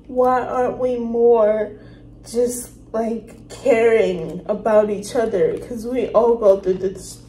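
A woman hosting a reaction video, talking earnestly and emotionally with halting, apologetic restarts. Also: a little high. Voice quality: emotional, soft-spoken. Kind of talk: casual reaction commentary. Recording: roomy room with faint noise.

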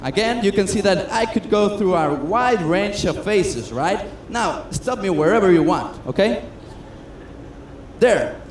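Man, high voice, chatty self-mocking magician patter; echoey stage, noisy room. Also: expressive, unhurried. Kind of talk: comedic stage patter with audience. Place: cruise ship stage. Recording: echoey stage sound with noise.

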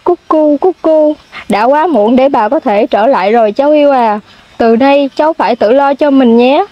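A young woman voicing a loving old grandmother who has turned into a cuckoo bird, speaking gently, as in a storybook. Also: sits high, normal speed, close to an everyday voice. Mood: tender. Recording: dull lo-fi sound.

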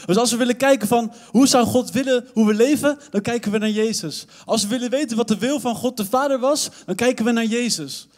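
Young Dutch youth pastor, lively sermon with playful asides, reverberant church hall. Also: male voice, very high-pitched, fairly quick, hardly any pauses.

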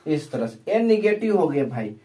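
A male teacher, heard at a distance, has a warm voice on the high side with large pitch swings. His classroom lesson explains English tenses in Hindi, delivered slowly and repetitively as he asks questions and answers them himself.

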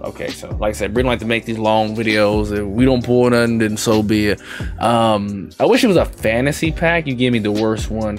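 A young man chatting casually as a gaming video creator, with informal slangy talk and some swearing. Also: medium pitch. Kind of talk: casual chat over game pack opening.

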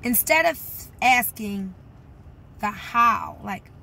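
A woman's voice: mid-range voice, lively intonation, slow, gravelly, sharp tone, a little hiss or hum. A woman giving a motivational talk as a network marketing coach, speaking directly to her viewers with emphatic encouragement.

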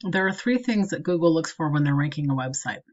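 A woman marketing consultant walking a client through an SEO review with a screen recording, in a steady and practical way. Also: sits low, brisk, lo-fi sound.

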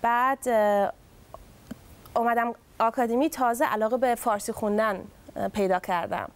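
Young woman with a German-Mashhadi Persian accent. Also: fairly high pitch. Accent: Mashhadi Persian with German influence. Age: young adult. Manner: giggly, cheerful, easygoing. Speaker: singer, show guest. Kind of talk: casual interview chat.

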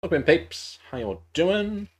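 Congested and losing his voice, a thirtysomething man streams a game from home, his higher-leaning pitch swinging widely as he talks a little slowly. His casual live-stream chat while playing rambles along, chatty and full of jokey asides.

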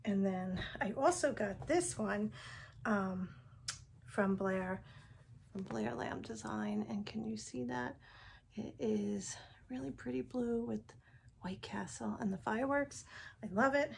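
A woman's voice: mid-range voice, slow, vocal fry, slight background noise. A middle-aged woman chatting casually at home in a vlog, rambling with lots of fillers and small laughs. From Northern New Jersey. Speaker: vlogger. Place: home, indoors.

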